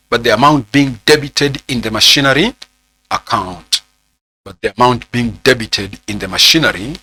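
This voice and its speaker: A man with a Kenyan accent teaching an accounting lesson, asking the class questions and repeating phrases slowly so students can write them down. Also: medium pitch, sharp tone, poor audio. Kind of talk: classroom lecture with dictated notes.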